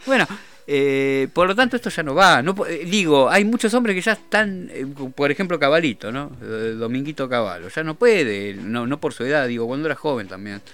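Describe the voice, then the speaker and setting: A man's voice: a little high, animated, a little fast, fairly bright tone. A man with an Argentine accent hosting a talk show, rambling and joking in casual chat. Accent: Rioplatense Argentine Spanish. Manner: rambling, jokey, self-amused. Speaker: radio show host.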